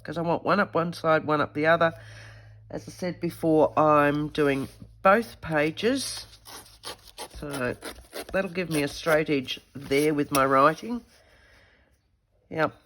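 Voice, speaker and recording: Nursing a stuffy head cold, a woman hosting a craft video talks casually to herself while working on a project. She speaks slowly in a low-pitched, slightly bright voice, leaving long pauses.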